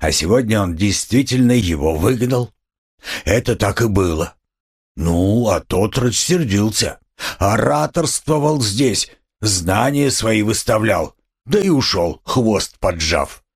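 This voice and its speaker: A man reading an audiobook, voicing a drunk young man who blusters and shouts. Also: lowish voice, expressive, slow, breathy edge, pitched above the performer's own voice, full character voice. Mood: blustering. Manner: boisterous, shouting.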